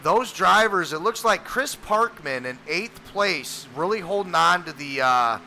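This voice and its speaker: A man doing sim racing play-by-play as race commentator, energetic and chatty, with a voice that cracks now and then. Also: high-pitched, a little slow, a little hiss or hum.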